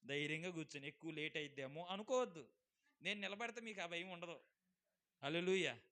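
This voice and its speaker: Male pastor preaching in church, pretty high voice, loud emphatic lines then quiet little asides. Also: expressive, a little fast. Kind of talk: sermon. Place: church service.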